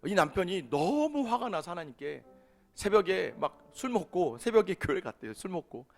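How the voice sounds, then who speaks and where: A man's voice: high-pitched, normal speed, vocal fry. A man preaching a sermon as a pastor in a chapel, telling stories and acting out the people in them. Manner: animated storytelling, voicing people in his stories. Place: law firm chapel.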